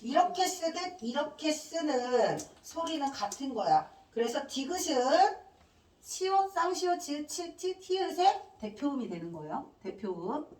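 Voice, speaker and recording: In a high, very animated voice, a female teacher lectures her class at an unhurried pace, quizzing the room, answering her own questions, and drilling letters one at a time. The audio is roomy and echoey, picked up from some distance off the mic, with slight background noise.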